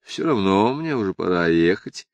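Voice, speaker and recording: A man's voice: sits low, very animated, normal speed, no echo. A man reading an audiobook and voicing a languid young woman in a drawling, lazy, teasing manner. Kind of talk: audiobook character voice.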